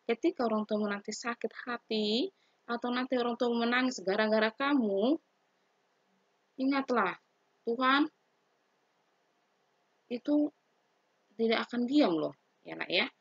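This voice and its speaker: A woman religion teacher with a slightly high voice gives a recorded lesson to children, patient and repetitive, frequently checking in with them. The sound is dry, dull and lo-fi with no echo.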